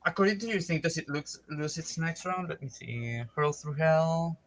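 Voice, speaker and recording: A man's voice: a little high, expressive, moderate pace. A man with a wry, amused way of talking, casually game-mastering a tabletop fantasy game.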